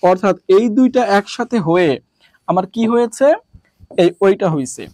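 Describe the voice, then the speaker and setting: A male teacher from Bangladesh drills his students, firing off questions and then answering them himself, dropping to a lower voice. His voice sits high, and it is recorded close and dry with no room sound. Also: normal speed, a little mellow, no echo. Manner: repetitive, drilling. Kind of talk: classroom lesson.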